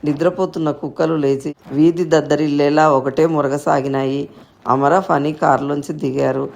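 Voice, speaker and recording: A man reading a short story aloud in steady, scripted narration. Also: a little high, normal speed, gravelly.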